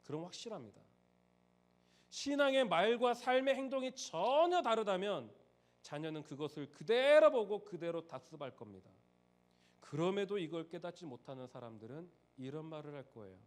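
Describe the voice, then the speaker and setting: A pastor preaching with a high, lively voice that swings widely in pitch. He moves from loud, pressing emphasis to quiet, hushed asides as he speaks to the congregation. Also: normal speed. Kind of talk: sermon.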